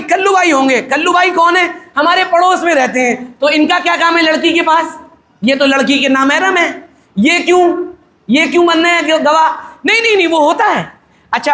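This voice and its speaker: A man's voice: very high voice, pushed and bright, echoey room. A middle-aged male cleric giving a conversational wedding sermon, full of humor, rhetorical questions and acted-out dialogues. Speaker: Islamic cleric officiating a wedding.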